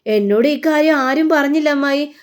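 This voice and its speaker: A man's voice: very high-pitched, normal speed, pitched above the performer's own voice. A woman voicing a young man who acts shocked and innocent, protesting in a pleading tone.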